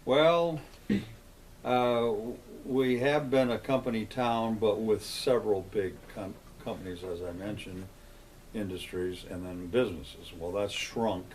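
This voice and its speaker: A man's voice: fairly low pitch, steady tone, unhurried, a little hiss or hum, poor audio. An older man, speaking in a plain-spoken, conversational way as the interviewee in an oral history interview. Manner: plain-spoken, conversational, poses and answers own questions. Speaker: interviewee, longtime local resident.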